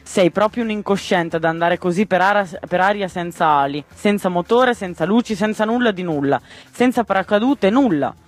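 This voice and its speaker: A man voicing a gruff grey male bird in a storybook reading, harsh and lecturing, over soft music. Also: sits high, normal speed, few pauses, close to an everyday voice. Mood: doubtful. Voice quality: harsh, scolding. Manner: huffy, lecturing.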